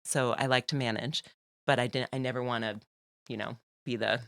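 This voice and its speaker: A woman with an extremely low, steady voice speaks briskly with a fairly bright tone, recorded clean in a studio with no echo. She's a podcast guest chatting casually about her life in a conversational interview, laughing often and leaning on lots of "like" and "you know."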